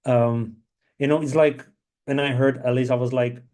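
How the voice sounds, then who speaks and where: A middle-aged man, an impact investor sitting on a webinar panel, talks loosely and conversationally over a video call, often saying "you know" and "um." His voice sits in the mid range, slightly mellow, with fairly even intonation at a normal speed.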